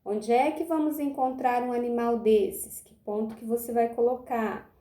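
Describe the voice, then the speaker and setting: A woman's voice: fairly high pitch, fairly even intonation, dark tone, reverberant. A woman teacher gives a remote lesson to young pupils, stretching her words and checking in often. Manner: patient, drawn-out words, often asks "tá bom?". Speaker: primary school teacher.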